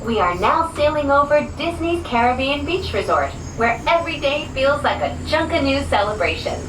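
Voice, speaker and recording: A woman making polished, friendly pre-recorded transit announcements, played over a cabin loudspeaker. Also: lively intonation, moderate pace, far from the mic. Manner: polished, friendly, clearly enunciated. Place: inside a moving gondola cabin. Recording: echoey loudspeaker heard from across a cabin. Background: vehicle rumble and ambient noise.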